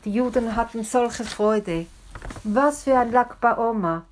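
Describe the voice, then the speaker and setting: A woman telling a story in a deliberate, expressive way. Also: on the high side, slight background noise. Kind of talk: told story.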